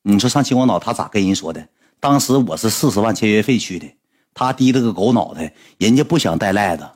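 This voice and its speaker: A man, telling a story to his livestream audience in a blunt, animated way and swearing freely. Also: on the low side, quick pace. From Northeast China.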